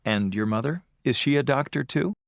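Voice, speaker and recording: An adult voice plays the interviewer in a scripted textbook dialogue, asking friendly questions with measured delivery and a plain mood. The mid-range voice has lively intonation and some vocal fry, recorded at studio quality with no echo.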